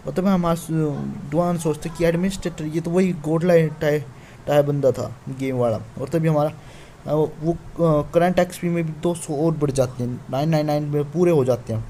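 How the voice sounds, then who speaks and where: With slight background noise, a man whose voice is on the high side and mellow walks through a manhwa chapter in a casual recap. He's the narrator, and his retelling is full of restarts and fillers.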